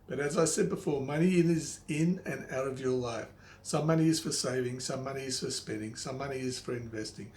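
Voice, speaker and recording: An older man giving a motivational lesson straight to the listener like a wise old mentor, plain-spoken and didactic, repeating key phrases for emphasis. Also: medium pitch. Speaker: money coach, presenter. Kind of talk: motivational instructional monologue to the viewer. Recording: echoey room, faint background noise.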